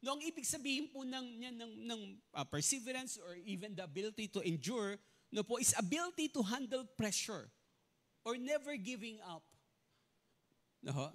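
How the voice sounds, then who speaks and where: A man's voice: extremely high pitch, big pitch swings, normal speed, a bit bright. A man preaching a sermon as pastor, often mixing in English and asking the congregation if they follow. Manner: mixes in English, asks the congregation questions often.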